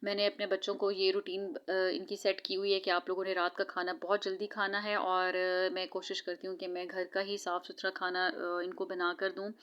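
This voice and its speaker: Thirties woman vlogging her home day, smooth clear voice, chatty and devout, lots of little uhs. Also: medium pitch, flat delivery, moderate pace, hardly any pauses, muffled recording. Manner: warm, devout greetings and prayers, chatty with frequent hesitations. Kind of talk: casual vlog narration.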